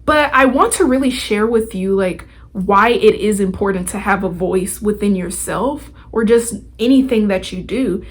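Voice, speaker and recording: A young woman hosts a podcast in a mid-range voice at a moderate pace, pausing little. Her tone is casual and motivational, and her phrasing is chatty, informal, and full of slang.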